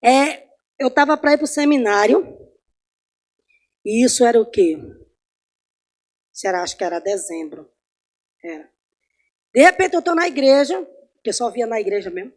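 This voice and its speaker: Woman, high voice, chatty Bible class teacher who quizzes her class. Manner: conversational, asks the class questions, swings between loud and soft. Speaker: Sunday school Bible teacher. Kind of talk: informal Bible class teaching with personal stories. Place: church.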